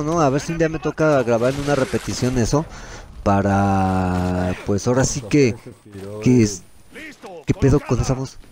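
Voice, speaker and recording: A man with a Mexican accent giving profane, excitable commentary while playing a shooter game. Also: medium pitch. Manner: excitable, swears constantly, yells at enemies. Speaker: gameplay streamer.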